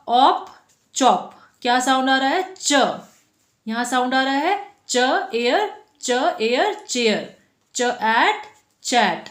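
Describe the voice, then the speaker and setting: A woman's voice: sits high, fairly bright tone, echoey room. A woman teaching a phonics lesson to children, patiently sounding out letters one by one and asking the class questions.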